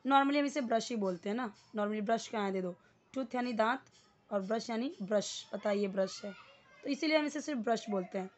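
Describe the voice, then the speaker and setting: A young woman teaching a casual English lesson, explaining patiently and repeating each word. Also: a little high. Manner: explains slowly, mixing Hindi and English, repeating words.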